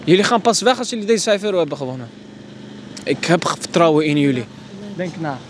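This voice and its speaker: A man's voice: on the high side, fairly quick. A young man hosting a casual street interview outdoors on a handheld mic, prodding people and repeating his words. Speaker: street interviewer and quiz host. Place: outdoors in parks and town squares. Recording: outdoor street recording, faint traffic noise.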